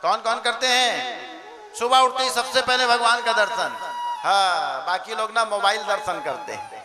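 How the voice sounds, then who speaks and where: A man preaching a devotional sermon at a village religious gathering, telling stories in an animated way, chuckling and leading the crowd in call-and-response. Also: high voice, unhurried. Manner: animated storytelling, chuckling, chanting verses. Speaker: Bhagavat katha preacher. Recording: music playing behind the voice.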